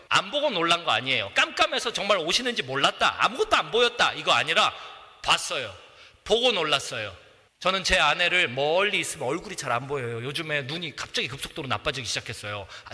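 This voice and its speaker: Man, pastor, sermon, bright forceful voice, long church reverb. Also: a little high. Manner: animated, acts out voices and shouts.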